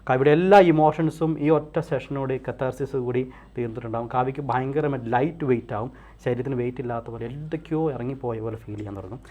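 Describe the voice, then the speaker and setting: A man leading a guided hypnosis session, repeating soft commands to relax and go deeper and counting slowly. His voice sits at an ordinary middle pitch. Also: highs cut off. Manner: repetitive soothing commands, slow counting.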